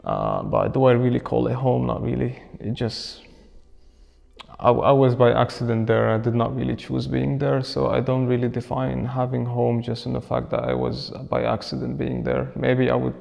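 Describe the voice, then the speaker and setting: A man's voice: medium pitch, normal speed, vocal fry, darkish tone. A man in his early twenties, raised in Syria, speaking thoughtfully in an interview and searching for his words. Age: early 20s. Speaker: student interviewee. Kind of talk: reflective documentary interview. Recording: reverberant space with faint music.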